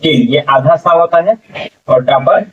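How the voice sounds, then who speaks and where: Speaking in Hindi at a measured pace, a man with a fairly high voice teaches English reading, spelling words out letter by letter and repeating them as he asks the class what they become. It's a slow spelling lesson, picked up from a distance off mic with a tinny, phone-like sound.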